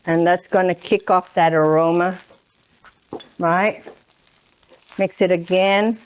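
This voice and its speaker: An Indonesian woman hosts a cooking show over a sizzling pan, chatting through each step and constantly asking "right?". Her voice sits lowish and smooth, with fairly even intonation and a slow pace.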